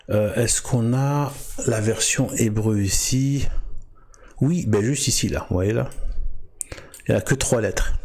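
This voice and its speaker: A man hosting his own video, explaining things in a casual monologue, halting and full of restarts and fillers as he clicks through a web page. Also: lowish voice, a little mellow, slightly rough. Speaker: video host.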